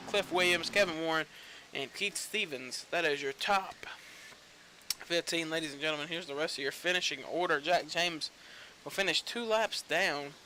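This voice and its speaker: A young man giving casual play-by-play commentary on a sim racing league, rambling between team names and growing excited at the finish. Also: sits high, slight background noise, poor audio. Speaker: race commentator.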